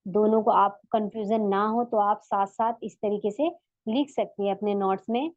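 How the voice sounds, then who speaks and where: A woman's voice: medium pitch, steady tone, normal speed, a little mellow, no echo, highs cut off. A woman teaching tajweed in an online lesson, patiently stretching out sounds to demonstrate them. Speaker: Quran recitation teacher.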